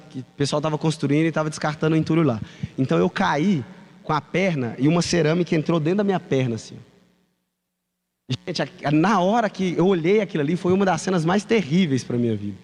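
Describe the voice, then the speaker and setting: Animated preacher. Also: male voice, on the high side. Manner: animated storytelling, addresses the congregation. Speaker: pastor. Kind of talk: sermon. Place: church hall. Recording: reverberant church hall.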